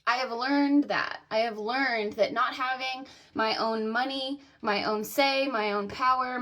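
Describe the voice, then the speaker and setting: Speaking candidly to camera, this woman from the American South, in her thirties, describes her life without holding back and curses often. Her voice sits on the high side with a fairly bright tone.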